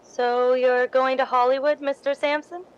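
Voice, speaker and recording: A woman's voice: high voice, flat delivery, normal speed, clear, resonant tone, dull audio, close to an everyday voice. A woman acting an earnest, humble young theater devotee in a 1950s-style radio drama, with a modest, hesitant way of speaking. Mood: earnest, curious. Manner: modest, hesitant, wistful storytelling.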